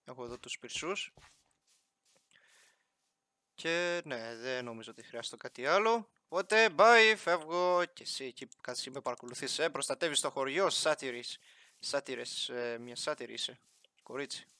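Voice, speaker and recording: A man's voice: medium pitch, pushed and bright, dry recording. A young man casually commentating his Minecraft playthrough, chatting and joking with the villagers and animals in the game. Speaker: gaming YouTuber.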